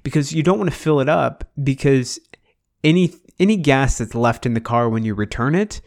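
A man chats loosely on a podcast. His voice is gravelly, with some vocal fry, and sits at a middling pitch. He wanders through his points, musing and restarting as he goes. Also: animated, normal speed, a little mellow. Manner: rambling, musing, full of "like" and restarts. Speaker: podcast co-host. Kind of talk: casual chat.

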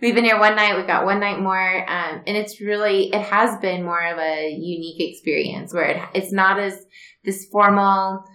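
A woman's voice: medium pitch, steady tone, normal speed, sharp tone. A woman hosting a casual interview, chatty with some filler words. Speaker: podcast host interviewing a guest. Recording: roomy echo.

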